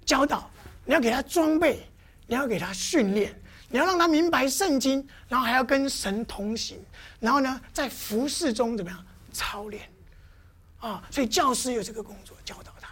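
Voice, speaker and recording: A high-pitched woman teaches in a church, firing questions at her listeners and acting out little scenes. Her delivery is lively and interactive, like a teacher coaxing answers from a class. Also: normal speed, slightly rough. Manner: constantly quizzes the audience with questions; lively, with playful demonstrations.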